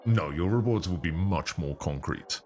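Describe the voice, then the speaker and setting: A game master using a voice changer that deepens his voice, playing a stern, commanding male captain of the city guard who gives curt orders. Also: expressive, moderate pace, a little mellow, slight background noise.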